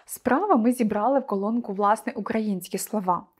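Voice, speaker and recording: A woman teacher presenting a scripted online lesson, speaking clearly and deliberately to her pupils. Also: mid-range voice, noisy background.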